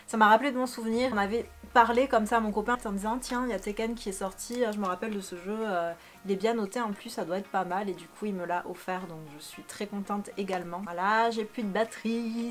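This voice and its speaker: A young woman vlogger chatting bubbly and self-mocking, with many fillers, into a studio microphone in her bedroom. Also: medium pitch. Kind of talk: casual chat.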